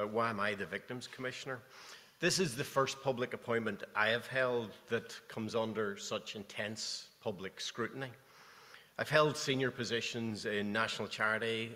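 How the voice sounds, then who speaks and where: A man's voice: lowish voice, a bit bright. A middle-aged man giving a prepared, earnest keynote speech at a lectern. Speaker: keynote speaker, commissioner. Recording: long hall reverb.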